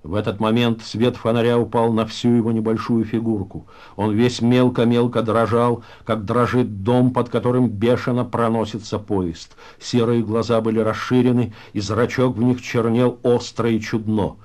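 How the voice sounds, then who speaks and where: A man reading a dramatic story aloud as narrator, in a measured, grave way. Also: mid-range voice, level tone, a little mellow.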